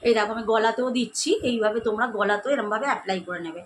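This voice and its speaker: A woman's voice: mid-range voice, racing, slight background noise, low-quality recording. A young woman vlogger talking viewers through a skincare routine at home, chatty and friendly, calling them friends as she demonstrates. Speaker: beauty vlogger. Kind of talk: casual skincare tutorial. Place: at home, indoors.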